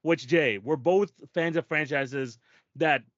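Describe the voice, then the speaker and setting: A man's voice: fairly high pitch, takes it slowly, a bit bright, no echo, dull audio. A man co-hosting a sports podcast, talking in casual chat with emphatic, restarting sentences. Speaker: podcast co-host.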